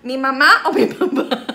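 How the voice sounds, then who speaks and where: A Sinaloan woman vlogger chats through a makeup tutorial in a playful, teasing way, poking fun at herself. Her voice sits a little high, bright and edgy, with a gravelly rasp running through it. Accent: Mexican Spanish (Sinaloa). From Sinaloa, Mexico. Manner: playful, teasing, self-mocking, talks to an off-camera helper. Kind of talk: casual makeup tutorial chat.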